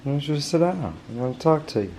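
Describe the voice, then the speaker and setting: A man's voice: fairly high pitch, fast. A young man chatting casually at home in a vlog, patiently coaxing a little child to sit down and eat. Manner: gently coaxing a toddler, relaxed and patient. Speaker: vlogger and father. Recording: noisy home video.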